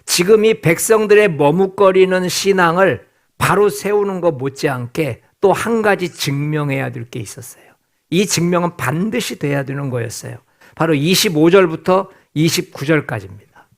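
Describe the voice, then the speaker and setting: A man preaching to his congregation from the pulpit, his voice sitting somewhat high for a man. He keeps asking the room questions and answering them himself, drawing out the key words slowly. It is a church sermon. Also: expressive, vocal fry. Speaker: pastor. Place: church sanctuary.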